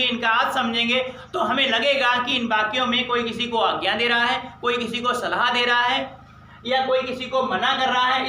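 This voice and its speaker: A man's voice: very high voice, bright, forceful tone, reverberant, slight background noise, poor audio. A male grammar teacher, explaining sentence types step by step, repeating his examples and checking that the class understood. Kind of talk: spoken grammar lesson.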